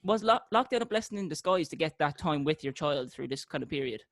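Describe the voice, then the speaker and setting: A man's voice: fairly high pitch, expressive, fast, a bit bright, no echo. A man hosting a casual podcast, an eager interviewer who laughs easily. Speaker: podcast host.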